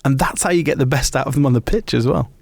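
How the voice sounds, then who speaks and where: A man with a mid-range, gravelly, slightly mellow voice talks fast as a podcast host, chatting earnestly about faith and football and explaining as he goes. The studio-quality recording has no room sound.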